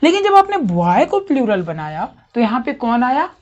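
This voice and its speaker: A woman's voice: on the high side, very animated, normal speed, muffled recording. A woman teaching a grammar lesson to a class, asking questions and checking understanding often.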